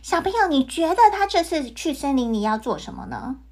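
A woman telling a fairy tale to children in an animated, sing-song way, speaking to them directly. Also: high-pitched, a little fast, music in the background. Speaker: children's storyteller. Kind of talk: storytelling for children.

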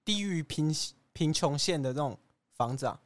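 Casting note: male guest, deadpan and smug, slightly high voice, dry sound. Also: normal speed, dry recording. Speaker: podcast guest. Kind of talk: comedic podcast banter.

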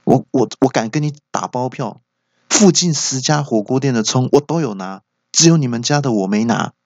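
A man voicing a sly, unflappable male freeloader who talks in a smooth, mock-earnest way. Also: mid-range voice, lively intonation, normal speed, a little mellow, dry recording, pitched above the performer's own voice. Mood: smug.

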